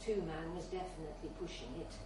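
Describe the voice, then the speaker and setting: A woman with a low-pitched voice reads a literary short story aloud at a quick pace, performing scripted narration at a live bar event. The recording is very echoey, with a distant mic and faint noise.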